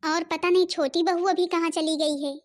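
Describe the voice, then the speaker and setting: A woman playing an old cartoon mother-in-law, self-pitying, plaintive, very high voice. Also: fairly even intonation, normal speed. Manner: complaining, plaintive. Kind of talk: Hindi cartoon voice acting.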